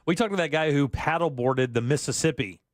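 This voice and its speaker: A man hosting a morning radio show, bantering casually and jumping in with quick questions. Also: fairly high pitch, no room sound, studio quality. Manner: animated, jumps in with quick questions. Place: radio studio. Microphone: studio microphone.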